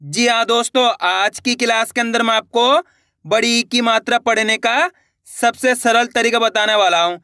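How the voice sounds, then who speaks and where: A high-pitched man with a bright, ringing tone teaches Hindi reading as if in a classroom. He drills each sound, asks the learner to say it back, and keeps assuring them it is simple. The voice is dry and close to the mic. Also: measured pace, clean tone, no echo. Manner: coaxing, repeats each sound and asks the viewer to answer; emphatic, promises guaranteed results. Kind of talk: classroom-style video lesson.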